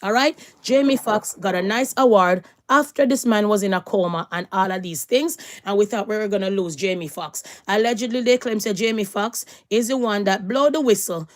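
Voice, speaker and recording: A woman's voice: medium pitch, moderate pace, few pauses. A woman hosting a live stream, rambling through news stories in a chatty, repetitive way. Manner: chatty, rambling, repeats allegedly. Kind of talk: casual news commentary.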